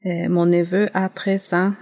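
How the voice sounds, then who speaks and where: Woman, church member asking, hesitant and polite, low gravelly voice, slow. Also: little pitch movement, darkish tone. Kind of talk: question from the congregation.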